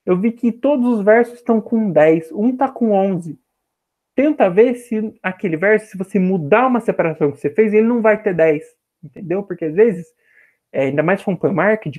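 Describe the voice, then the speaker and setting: A young man teaches a literature class in a patient, explanatory way, often pausing to check that his students follow. His voice sits high for a man. When he reads verse aloud, he draws the syllables out slowly. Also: a little mellow. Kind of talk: online class lecture.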